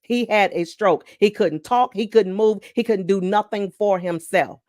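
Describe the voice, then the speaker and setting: A woman host giving an inspirational devotional talk in a fast, exhorting, preachy manner. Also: mid-range voice, a little mellow, dry recording, studio quality.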